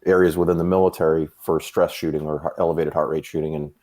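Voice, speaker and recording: A man's voice: rumbling low, fast. A man in his fifties from Massachusetts, a podcast guest chatting casually about fitness, telling stories with lots of fillers. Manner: relaxed storyteller with frequent fillers. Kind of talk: casual chat.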